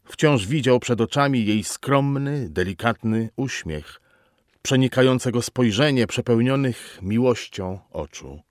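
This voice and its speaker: A man reading a novel aloud as narrator, telling it in a slow, expressive way with dramatic pauses. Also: medium pitch, no room sound, studio quality. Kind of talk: audiobook narration.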